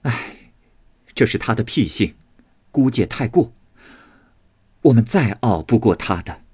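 A man voicing a proud, sharp-tongued young noblewoman who speaks scornfully and defiantly. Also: medium pitch, animated, a little slow, husky, dry recording, studio quality.

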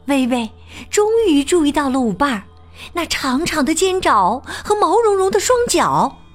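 A woman teacher reading a children's picture book aloud, expressive and sing-song with plenty of exclamations. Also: high voice, normal speed, faint music behind. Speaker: storyteller teacher.

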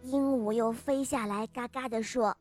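High-voiced woman reading a kids story. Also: normal speed, faint music behind. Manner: lively, expressive reading. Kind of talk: children's story narration.

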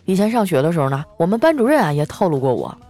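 A young woman hosting, telling self-mocking comic stories in a chatty, animated way. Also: on the low side, quick pace, soft background music. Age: young adult. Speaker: host. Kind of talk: comic storytelling monologue with ad reads.

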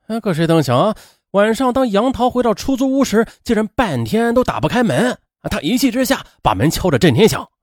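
A man narrating a true-crime story dramatically, in a colloquial manner with drawn-out particles. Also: no echo, clean studio sound. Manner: animated, acts out women's lines in a high strained voice.

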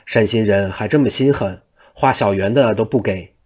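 A man's voice: lowish voice, moderate pace, darkish tone, husky. A man voicing a scruffy, mischievous monk who teases in a cocky, cheeky way. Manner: teasing, cheeky.

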